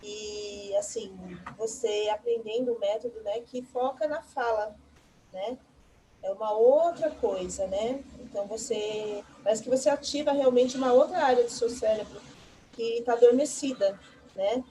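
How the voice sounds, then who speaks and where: A woman guest on a live stream, a student talking about learning in an earnest, reflective and halting way. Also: fairly high pitch, animated, warm tone, slight background noise, rough recording.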